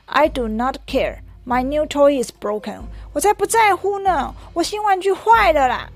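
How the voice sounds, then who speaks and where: A woman's voice: on the high side, expressive, moderate pace. A woman voicing a little pig who gets upset over a new toy, saying each line in English, then Chinese. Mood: indignant.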